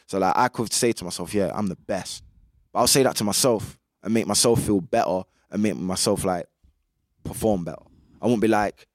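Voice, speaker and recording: Young male music artist, British roadman accent and slang, lowish voice, dry recording, chatty and opinionated. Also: darkish tone, dry recording. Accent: British urban roadman. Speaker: music artist being interviewed. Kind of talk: casual interview chat.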